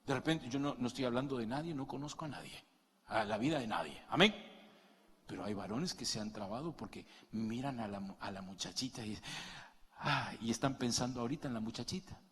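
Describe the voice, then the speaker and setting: A middle-aged man preaching a sermon, moving between quiet asides and loud, passionate peaks as he calls his listeners brother. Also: medium pitch, a little fast, slightly rough. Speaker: pastor. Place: church hall. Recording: long reverb of a large hall.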